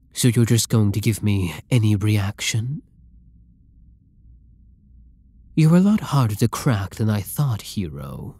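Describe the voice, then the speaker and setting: In a scripted ASMR monologue, a man plays a dominant, obsessive supervillain toying with a captured hero, using an exaggerated, lowish, mellow voice that is breathy and husky. His tone is coaxing yet threatening. He speaks slowly with possessive menace, often lowering to a whisper.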